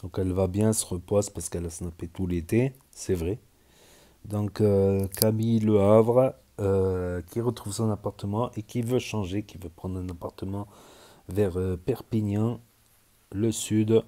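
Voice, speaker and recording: A man's voice: on the low side, steady tone, unhurried, mellow. A man with a southwestern French accent, rambling casually with frequent hesitations as he comments on social media stories. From southern France.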